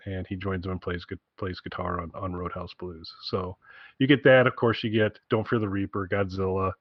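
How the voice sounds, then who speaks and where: A podcast co-host with a fairly low-pitched voice rambles through his album recommendations, casual and enthusiastic, with wry asides mixed in. No echo is present, though the audio sounds dull.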